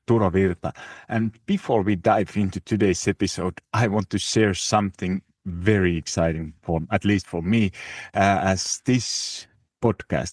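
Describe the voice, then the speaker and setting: Finnish guy doing his podcast solo, lots of uhs and restarts, deep flat voice. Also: no room sound, studio quality. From Finland. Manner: hesitant, many fillers and restarts. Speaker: podcast host. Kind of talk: casual solo podcast talk. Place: living in Italy.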